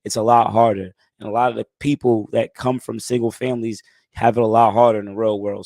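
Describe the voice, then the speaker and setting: A man in his thirties, lowish and mellow in tone, hosts a casual stream where he responds to live chat questions. Still hoarse as his lost voice returns, he stays relaxed and conversational, repeating "you know what I'm saying" a lot. No echo is present.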